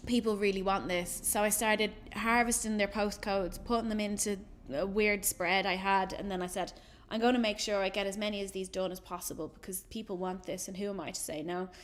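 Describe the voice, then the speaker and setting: A woman's voice: medium pitch, fairly even intonation, brisk. Irish woman photographer giving a talk, chatty storytelling, does the voices of people she quotes. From Ireland. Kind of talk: casual storytelling presentation.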